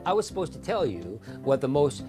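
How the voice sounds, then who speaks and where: A man's voice: mid-range voice, very animated, brisk, over music. A man presenting a cooking demo, savoring his drink and gushing over how it tastes. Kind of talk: food demo and tasting.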